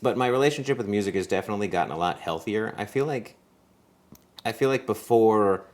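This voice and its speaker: Deep-voiced man in rambling casual chat. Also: lively intonation, a little fast. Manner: rambling, reflective, searches for words. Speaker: co-host.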